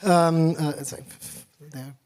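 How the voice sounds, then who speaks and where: A man's voice: on the high side, steady tone, moderate pace, darkish tone. A middle-aged man from Germany, speaking on a conference panel with many fillers and dry humor. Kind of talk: panel discussion.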